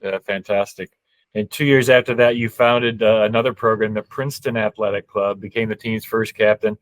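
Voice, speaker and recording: A man's voice: on the low side, steady tone, normal speed, poor audio. An American man hosting a podcast, asking prepared questions and giving brief, encouraging replies. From United States. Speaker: podcast host, interviewer. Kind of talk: interview questions.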